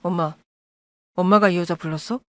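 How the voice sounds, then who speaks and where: A woman voicing a calm, protective adult son who speaks low and steady, in an audio drama. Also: normal speed, no echo, close to an everyday voice. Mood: firm. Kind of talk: Korean audio-drama acting.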